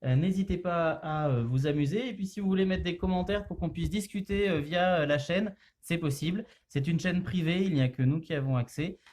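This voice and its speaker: A young French man leads a casual step-by-step demonstration for children and parents. His voice sits a little high, and his delivery is relaxed and conversational, full of small hesitations. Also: brisk, hardly any pauses. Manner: relaxed, chatty, many hesitations. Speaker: youth center activity leader.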